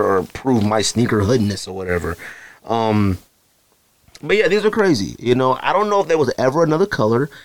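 In a rough recording, a middle-aged male podcast host with a voice on the low side does a casual solo sneaker show-and-tell. He rambles self-deprecatingly, dropping plenty of ums and you-knows.

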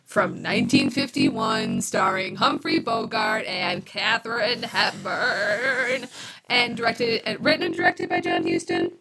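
A woman's voice: extremely low pitch, wildly swooping pitch, unhurried, gravelly, loud music behind the voice. A woman co-hosting a podcast, blunt and dismissive in casual chat, her voice warped by a robotic alien effect. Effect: robotic alien filter. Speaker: podcast co-host.

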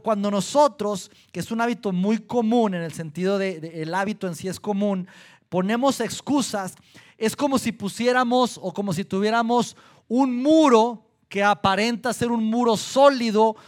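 A man preaching a sermon, acting out everyday excuses in quick, animated voices. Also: high voice.

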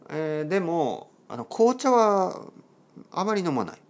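A man from Japan hosting a podcast for learners, explaining in simple words and repeating key terms with soft fillers. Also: on the high side, sing-song, a little slow. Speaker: podcast host teaching Japanese.

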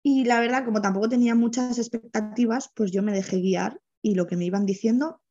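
A young woman, telling a personal story in a lively way, with many fillers. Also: fairly high pitch, a little fast. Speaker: guest. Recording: dull lo-fi sound.

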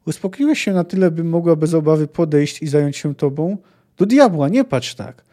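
A man reading the lines of a secretive, persuasive sorceress from a fantasy novel in an even, measured way. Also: fairly high pitch, natural voice. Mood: urgent. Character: cold, secretive sorceress woman, firm and persuasive.

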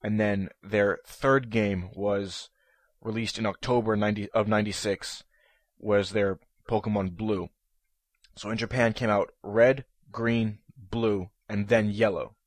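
A man hosts a solo podcast episode, sounding nasal from a stuffy head cold, eager and prone to ums and restarts. His voice is fairly low with fairly even intonation, a little slow, and there's no room sound.

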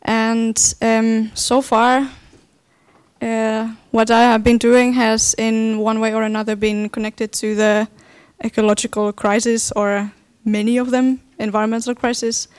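A woman's voice: a little high, little pitch movement, unhurried, smooth, no echo. A woman with a Finnish accent speaking unscripted as a panelist, hesitantly searching for words. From Finland. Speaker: panelist, dance artist.

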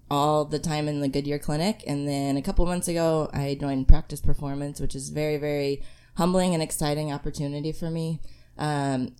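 A woman's voice: sits low, warm tone, smooth. A woman physical therapist, a guest on a podcast, who is losing her voice and speaks earnestly. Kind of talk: casual podcast chat.

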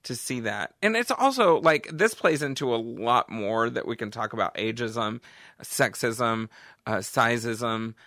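A man's voice: mid-range voice, no echo, studio quality. A man co-hosting a podcast in casual chat, talking expressively and laughing often. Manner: chatty, expressive, quick laughs. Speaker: podcast co-host.

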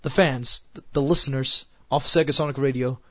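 A Scottish man hosting his radio show with a sore throat and a cough, rambling and halting with a wry, sarcastic edge, speaking into a headset. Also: mid-range voice, steady tone, no echo, lo-fi sound. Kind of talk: casual solo podcast chat.

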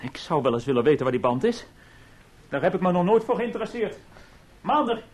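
Man doing a needling astronaut, sarcastic, lively up-and-down voice, slightly high, faint hiss. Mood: curious. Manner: sarcastic, needling, quick swings from hushed to loud. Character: suspicious, sarcastic male astronaut. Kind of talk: radio drama.

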